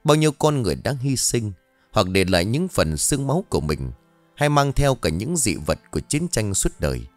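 A male storyteller reading an audiobook, his pitch rising and falling with real animation. The voice is close and dry, with soft music under the narration. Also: very animated, normal speed, no echo.

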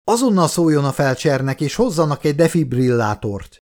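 A composed general who stays calm under pressure, as a male narrator voices him. He speaks low and quietly, with measured, firm delivery. Nothing rattles him.

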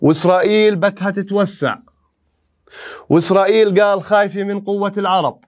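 Teacher putting on a sobbing lad, fast and slightly high. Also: male voice, steady tone, natural voice. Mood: explaining. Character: weeping young man lamenting lost war.

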